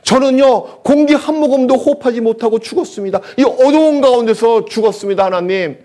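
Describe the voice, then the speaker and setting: A man's voice: very high voice, a little fast, dark tone, pitched above the performer's own voice. A male preacher voicing an aborted unborn child who pleads to God in a lamenting, pleading voice.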